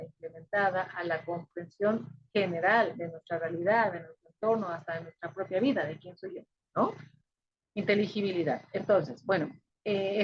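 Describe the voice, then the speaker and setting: A woman's voice: medium pitch, a little hiss or hum. A woman teacher giving a recorded sociolinguistics lecture, explaining patiently and often checking in with the listener. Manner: explanatory, frequent check-ins with "¿no?" and "este". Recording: dull lo-fi recording.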